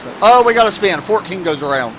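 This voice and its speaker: A man's voice: high voice, big pitch swings, quick pace, fairly bright tone, poor audio. A man hosting his own stream and giving casual, joking race commentary, sometimes chewing as he talks. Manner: laid-back, joking, talks while chewing. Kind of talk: casual sim-racing commentary. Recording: clear background noise.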